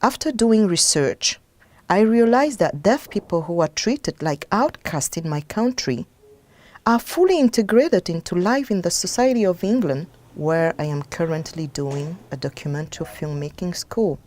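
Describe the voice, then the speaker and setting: A woman's voice: fairly low pitch, lively intonation, normal speed, darkish tone. Earnest Cameroonian woman narrating. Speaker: documentary narrator. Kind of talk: scripted narration.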